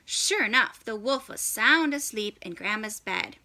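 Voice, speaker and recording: Here a woman gives an animated read-aloud of a children's story, her voice high and very bright. Her pace is unhurried, broken by pauses for dramatic effect, and she reads with lively expression.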